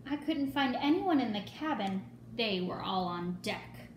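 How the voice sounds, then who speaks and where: Unhurried woman reading aloud in echoey room. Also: a little high. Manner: expressive, with hushed asides. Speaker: storyteller. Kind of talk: dramatic picture-book reading for children. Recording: echoey room with faint noise.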